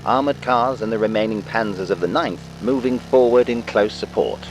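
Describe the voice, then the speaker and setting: Low-voiced man narrating a war newsreel. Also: moderate pace, noisy background. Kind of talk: scripted wartime newsreel narration. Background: music under the narration.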